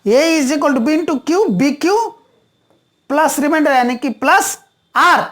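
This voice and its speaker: Woman maths teacher, unhurried, goes over every step twice, asks the class then answers herself. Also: high voice. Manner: patient, repeats each step, asks and answers own questions.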